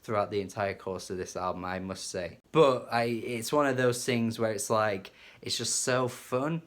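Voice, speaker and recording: A man's voice: on the low side, moderate pace. A man casually reviewing a rock album, enthusiastic and chatty, with fillers and some swearing. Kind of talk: casual music review monologue.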